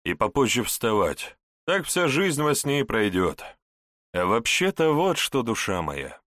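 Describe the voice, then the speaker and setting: A man voicing a calm young prince who speaks in an instructive, wry way in an audiobook. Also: medium pitch, a little slow, dry recording, studio quality.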